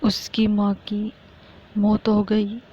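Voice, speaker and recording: A woman's voice: medium pitch, monotone, takes it slowly, warm tone, husky. A woman narrating a family story as a storyteller, on a muffled lo-fi recording.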